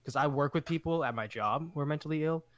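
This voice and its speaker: A man talking earnestly in a casual podcast chat, often halting and restarting his sentences. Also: a little high, a bit bright, dry recording. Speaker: podcast co-host.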